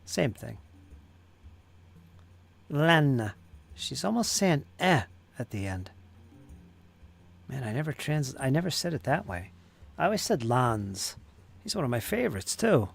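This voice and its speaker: A man runs a miniature-painting stream, casually chatting, cracking jokes and puzzling aloud over pronunciations. He has a mid-range, very animated voice with a creaky, breathy edge, and he keeps a measured pace with long pauses.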